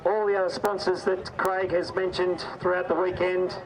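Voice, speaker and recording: A man doing live powerboat race commentary outdoors with excited, shouted-out calls. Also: sits high, normal speed. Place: outdoors at a riverside race venue. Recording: outdoor recording with loud engine noise.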